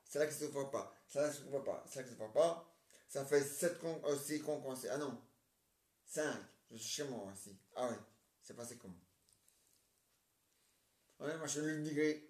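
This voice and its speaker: Halting man performing a homemade play. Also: medium pitch, darkish tone. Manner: rambling, halting, many hesitations and filler tags. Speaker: amateur playwright performing all parts. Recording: roomy echoey home recording.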